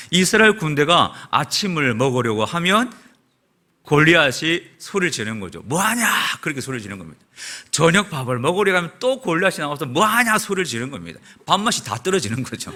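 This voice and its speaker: Male pastor giving a sermon in church, bright forceful voice, really animated. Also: on the high side, a little fast. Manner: animated storytelling, acts out quoted shouts. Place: church sanctuary.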